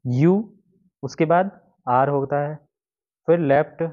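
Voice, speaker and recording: A male English teacher draws out his words in a slightly mellow, high-leaning voice while teaching exam-prep grammar. Step by step, he writes out examples and restates his own questions, heard through a dull lo-fi lesson recording.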